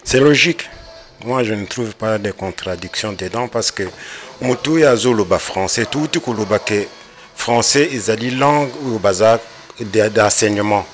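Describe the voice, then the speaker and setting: A man's voice: on the low side, moderate pace. A man, a panel guest explaining his view and mixing in Lingala words. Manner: explanatory, mixes in Lingala, rises emphatically. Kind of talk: debate discussion.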